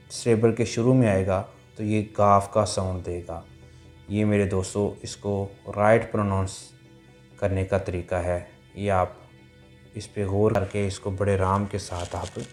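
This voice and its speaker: A man teaching a language lesson, explaining pronunciation rules patiently, repeating each point and sounding out syllables slowly. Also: medium pitch, a little mellow.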